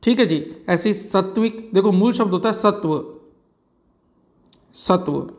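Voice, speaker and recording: A man teaching grammar in an exam-prep lecture, slowly repeating key words and often checking in with "है ना" and "ठीक है जी". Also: high voice.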